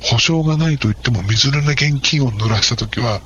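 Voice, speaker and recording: A man's voice: medium pitch, a little fast, a bit bright. A man who works for the post office, answering interview questions in a chatty, joking way while giving practical advice. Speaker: post office worker as guest. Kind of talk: casual explanatory interview talk. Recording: dull lo-fi with faint noise.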